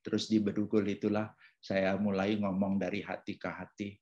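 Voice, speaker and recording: A man in his fifties sharing a personal testimony in a relaxed, conversational church talk, with many fillers. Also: on the low side, normal speed. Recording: dull lo-fi sound.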